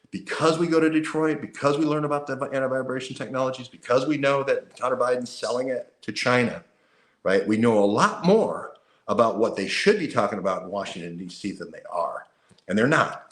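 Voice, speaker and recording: A man's voice: medium pitch, a bit bright. A man talking on a talk show, emphatic and fond of repeating his points for effect. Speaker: guest. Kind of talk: conversational talk-show commentary. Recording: roomy echoey sound.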